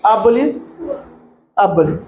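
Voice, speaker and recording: High-voiced joking teacher. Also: male voice, takes it slowly, muffled recording. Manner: joking, lively, mimics students. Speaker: coaching teacher. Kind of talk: classroom talk to students. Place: classroom. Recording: echoey classroom with faint noise.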